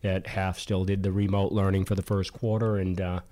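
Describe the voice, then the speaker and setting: Boston guy co-hosting a podcast, low voice, laid back and joking around. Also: level tone, normal speed, dark tone. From Boston area. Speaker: podcast co-host. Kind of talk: casual chat.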